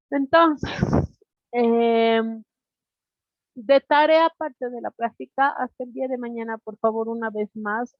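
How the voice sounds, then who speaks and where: A woman teacher leads an online class in a slow, measured way, stopping often to check that her students follow. Her voice sits fairly high for a woman. The call audio is dull and lo-fi, with a dry, close sound. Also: no echo. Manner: checks in with students constantly, deliberate. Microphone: video call.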